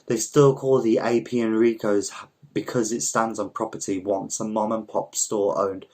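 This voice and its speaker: A volunteer reader, a man with a fairly low, darkish voice, reads a short story aloud in a measured, literary way. His delivery is flat, like an amateur reading from the page, with the odd small stumble.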